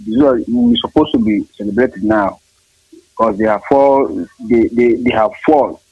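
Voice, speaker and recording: A male caller comes through a clipped, tinny phone line, his gravelly voice swinging up and down with lots of movement. He speaks haltingly, stumbling over repeated words and filling the gaps with uh. The sound is dry and close, with no room around it. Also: mid-range voice, big pitch swings, no room sound. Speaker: radio show caller. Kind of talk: call-in radio talk.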